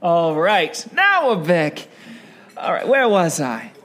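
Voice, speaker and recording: Huge pitch swings mark this stage performer's mid-range, fairly bright voice as he speaks slowly in a grandiose, self-dramatizing, theatrical manner. The comedic mockumentary talk moves from a car parked in a lot to a small restaurant.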